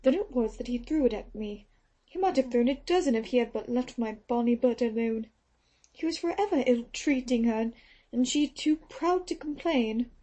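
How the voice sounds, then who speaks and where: Reading an audiobook, a woman voices a stern, taciturn Australian nurse fiercely protective of her mistress. Her voice is a little high and pushed up, dark in tone, with lively intonation at normal speed, and she sounds bitter, indignant and protective.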